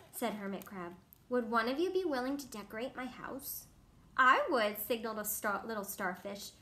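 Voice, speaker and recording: A young woman reading a picture book aloud to a child, animated and pausing to ask questions. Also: a little high. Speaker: reader to a child.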